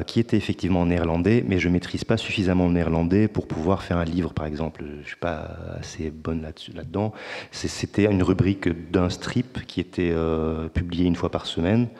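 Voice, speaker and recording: Deep-voiced man speaking slowly in hall echo. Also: fairly even intonation, a little mellow. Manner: measured, hesitant with many pauses. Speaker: panelist, comics artist. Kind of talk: panel talk. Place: conference hall. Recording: reverberant lecture hall.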